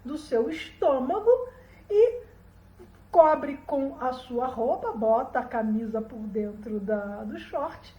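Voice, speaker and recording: Calm, clever donkey, as a woman puts it on, patient advice, echoey room. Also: high voice, takes it slowly, highs cut off. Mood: kindly. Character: wise, kindly talking donkey. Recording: roomy echo.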